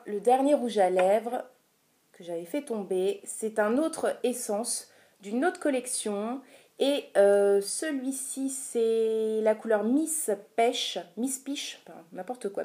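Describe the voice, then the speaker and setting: Mellow-voiced woman chatting through a haul. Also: on the high side. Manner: chatty, hesitant, many filler sounds. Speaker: beauty vlogger. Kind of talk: casual product haul vlog.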